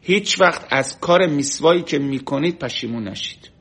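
A man teaching a religious lesson through a story, telling it lively and acting out the voices of the people in it. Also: on the high side, husky. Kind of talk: storytelling sermon. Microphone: online class stream.

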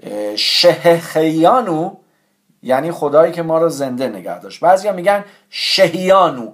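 Man, somewhat high-voiced, teaching a religious lesson in a careful, instructive way. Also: very animated, a little mellow. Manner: careful, explanatory, stresses correct pronunciation.

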